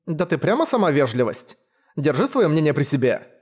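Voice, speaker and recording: A man's voice: a little high, big pitch swings, brisk, darkish tone, breathy edge, voice pushed up. A man voicing a young woman hunter who is bold and pleading, with a lilting, coaxing manner. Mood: teasing.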